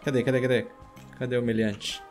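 A man's voice: medium pitch, level tone, fairly quick, faint music behind. A man with a Brazilian Portuguese accent doing playful, slang-filled commentary over a shooter match with his squad. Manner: playful, jokey slang-heavy banter with teammates. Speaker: gaming YouTuber. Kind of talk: casual gameplay commentary.

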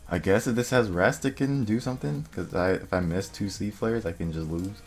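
A young man casually commentating his own online game, thinking aloud and muttering quick asides to himself. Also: on the low side. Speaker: gaming video creator. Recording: faint music underneath.

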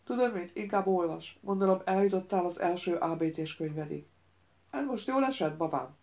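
A woman's voice: on the low side, a little mellow, dull audio, close to an everyday voice. A woman doing a sarcastic tough man. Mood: scornful. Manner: mocking, teasing.

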